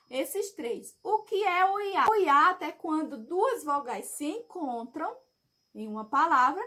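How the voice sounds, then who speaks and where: A woman's voice: high-pitched, a bit bright. A woman teaching a grammar lesson in a video, who asks questions and answers them herself and checks in with "tá?". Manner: ends phrases with a checking "tá?"; says example words slowly and clearly. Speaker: Portuguese teacher.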